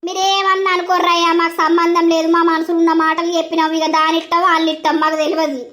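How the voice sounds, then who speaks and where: A woman voicing a sharp-tongued mother-in-law in a cartoon, ranting fast in a Telangana Telugu accent. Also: extremely high pitch, little pitch movement. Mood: defiant. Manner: fast, scolding rant.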